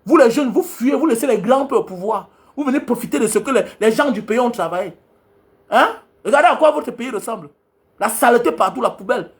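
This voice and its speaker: A man's voice: very high voice, animated, a little fast. A young man, delivering a heated, scolding monologue as a travel advisor. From Cameroon. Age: young adult. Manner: angry, scolding, repetitive rant.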